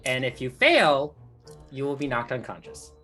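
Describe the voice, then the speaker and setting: A woman's voice: a bass voice, very animated, normal speed, fairly bright tone, soft background music. A woman running a tabletop game as dungeon master. She talks in a rambling, playful way with lots of fillers.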